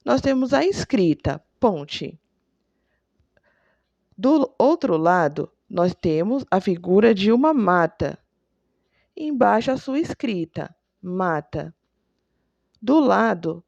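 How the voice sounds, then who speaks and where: A woman teacher walks young pupils through textbook exercises at a very slow, patient pace, giving examples for each step. Her voice is warm and gravelly, and the recording is dry and dull. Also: medium pitch, no echo. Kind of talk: remote school lesson, reading textbook exercises. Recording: dull lo-fi sound.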